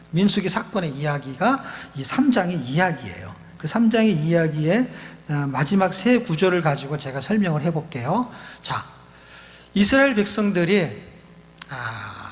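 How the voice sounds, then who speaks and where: Guy pastor preaching to young people in a church hall, keeps repeating words and asking questions, voice rings out. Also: sits high. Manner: explains scripture conversationally, repeats key words, asks the audience questions. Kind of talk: sermon at a youth retreat.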